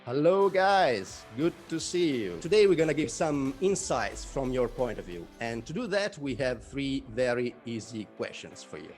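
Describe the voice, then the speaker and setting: Man, host, animated pitch, upbeat, video call. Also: moderate pace, few pauses, faint music behind. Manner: upbeat, lively introductions. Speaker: jury chairman hosting. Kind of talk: online interview hosting.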